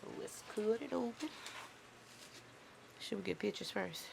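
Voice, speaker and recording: A woman's voice: medium pitch, measured pace, vocal fry, heavy background noise. A woman hosting a casual cooking vlog in her home kitchen, chatting folksily to her viewers. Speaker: cooking channel host.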